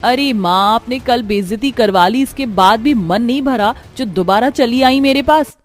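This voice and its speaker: A woman's voice: a little high, moderate pace, husky. A woman doing a haughty young cabin-crew daughter. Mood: scornful. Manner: sharp, scornful scolding.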